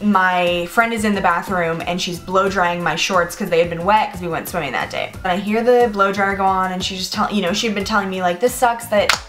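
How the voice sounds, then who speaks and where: A young woman in her twenties telling a personal story to the camera, animated and profane, peppered with "like". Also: lowish voice, faint music behind. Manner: animated, profane, fast bursts with lots of "like". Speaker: vlogger. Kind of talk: storytime monologue.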